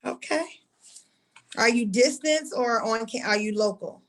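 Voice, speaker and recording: A woman's voice: fairly high pitch, a little slow, fairly bright tone, rough recording. A woman hair school instructor leading an online orientation over a video call, calling on students by name in a friendly, directive way.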